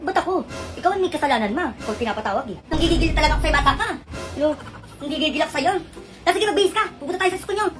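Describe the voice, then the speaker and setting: A woman's voice: sits high, animated, very fast. A woman acting out a comedic sketch as a brash mother arguing with a polite teacher, with music playing behind her. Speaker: comedy skit creator. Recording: background music under the voice.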